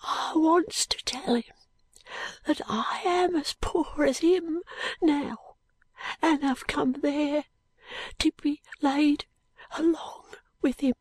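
Woman doing a frail, slow-spoken street boy, high and breathy, dry close mic. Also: no room sound. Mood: feeble. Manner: dialect speech, faint halting whispers. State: weak and breathless. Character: dying ragged street boy, weak and humble.

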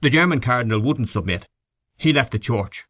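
A man voicing a thick-set, authoritative Irish gentleman who holds forth emphatically in an audiobook. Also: expressive, normal speed, no echo, studio quality. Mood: solemn, dramatic. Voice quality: deep, raucous. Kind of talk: audiobook character acting.

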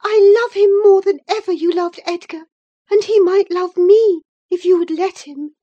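An infatuated young girl, protests in a very high, forceful voice. She is plaintive, indignant and passionate, as a storybook heroine. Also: moderate pace, no room sound, dull audio. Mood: angry, defiant.

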